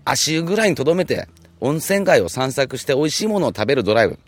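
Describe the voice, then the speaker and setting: Chatty guy hosting radio, polite but jokey, pitch goes all over, dry studio-like sound. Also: sing-song, fast, no echo. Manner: polite, conversational, lightly joking. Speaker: radio show host and reporter. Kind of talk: chatty radio presenting and interviewing.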